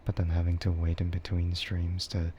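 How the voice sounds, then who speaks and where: A young man streaming as a VTuber in a whispered role-play ASMR style, rambling softly with chuckles and fillers into a close mic. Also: low-pitched, completely flat delivery, moderate pace, slight background noise.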